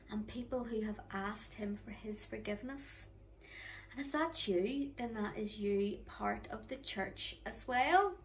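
A middle-aged woman with a Northern Irish accent, leading an online children's church talk from her living room. She speaks to the children directly in a warm, chatty, encouraging way into a close camera. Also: mid-range voice, slight background noise, low-quality recording. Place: living room at home, indoors.

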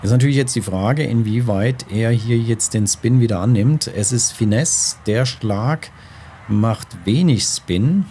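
Guy doing chill let's play commentary, mellow voice, kinda thinking out loud, faint game noise behind. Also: medium pitch, unhurried. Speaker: gaming host. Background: golf game ambience.

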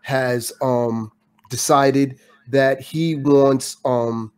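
A man's voice: mid-range voice, steady tone, very slow, darkish tone, clean tone. A man from the Dominican Republic hosting a casual interview, speaking emphatically and repeating his phrases for effect. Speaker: podcast host. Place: home studio indoors. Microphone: studio mic with headphones.

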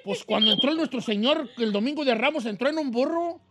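A man's voice: very high voice, expressive, brisk, very noisy. A man with a Mexican accent hosting a comic radio show, wailing theatrically and joking with his co-hosts. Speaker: radio host.

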